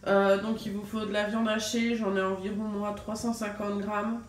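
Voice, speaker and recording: Recording a casual home vlog on her phone in the kitchen, this young mother from France keeps restarting and using filler words. She speaks at a normal pace in a mid-range voice with little pitch movement. There's reverb and a faint hiss or hum.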